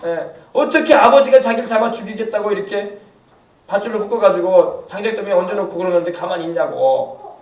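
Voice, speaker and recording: Fast, high-voiced preacher man in echoey church. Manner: animated preaching with call-and-response and acted-out quotes. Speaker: pastor. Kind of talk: sermon. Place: church sanctuary. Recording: echoey church hall from a distant mic.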